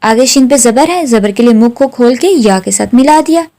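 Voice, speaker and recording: A woman teaching Quran recitation rules, patiently repeating each syllable slowly for listeners to practice. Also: a little high, animated, warm tone. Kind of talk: slow tajweed lesson with drawn-out recitation.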